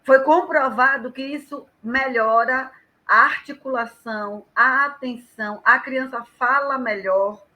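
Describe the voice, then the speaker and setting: A woman with a Brazilian Portuguese accent, an educator talking on a live stream and explaining things in an animated way. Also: high voice, a little slow, rough recording. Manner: animated, acts out quoted speech vividly.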